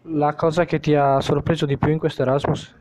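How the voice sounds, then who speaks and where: A man's voice: on the high side, little pitch movement, brisk, darkish tone. A young man hosting a casual podcast interview, asking questions in an informal, teasing way. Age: young adult. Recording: dull lo-fi sound.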